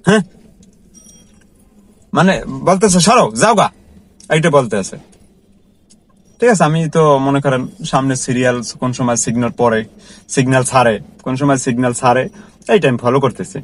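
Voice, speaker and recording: A man's voice: medium pitch, normal speed, pauses often. A man who works as a car driver, telling a personal story to his viewers in an earnest, repetitive, conversational way. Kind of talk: casual storytelling vlog.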